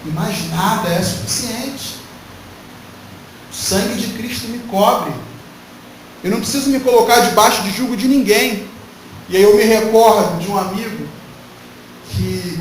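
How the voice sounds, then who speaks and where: A man with a fairly high voice preaches emphatically, firing rhetorical questions at his congregation. He is picked up from a distance, so the voice sounds set back from the mic. His words ring through a very echoey hall over a faint hiss. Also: moderate pace, pauses often. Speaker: pastor. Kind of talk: sermon. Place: church hall.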